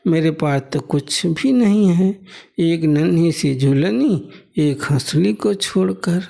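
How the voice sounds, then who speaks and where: Guy doing a pouty young village wife, nagging and touchy, lifts his low gravelly voice a bit for her. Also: slow, heavily acted. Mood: complaining. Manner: complaining, sharp and sulky. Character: young village wife, proud, quick to take offense. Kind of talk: audiobook novel reading.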